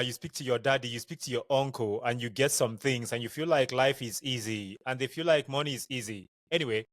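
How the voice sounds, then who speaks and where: A man's voice: mid-range voice, no room sound. A young adult man with a Nigerian accent, hosting a podcast and telling personal stories in a chatty, candid, digressive way. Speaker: podcast host. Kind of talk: casual personal storytelling monologue.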